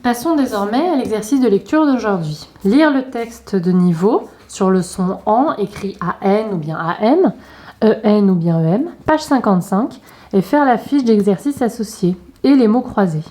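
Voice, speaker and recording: A woman teaching young pupils at a distance, slowly and clearly walking them through reading and maths exercises, naming each picture in turn. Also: mid-range voice, expressive, dark tone. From France. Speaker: primary school teacher. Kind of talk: remote lesson instructions to young pupils.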